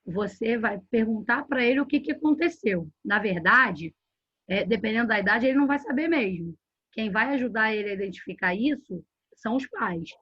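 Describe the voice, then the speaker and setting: A fairly high, husky-voiced woman with a Brazilian Portuguese accent leads a workshop. She explains patiently and keeps checking that listeners follow. The recording is dull and lo-fi, with little room sound. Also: animated, moderate pace, no room sound. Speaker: workshop instructor. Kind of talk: live workshop lesson.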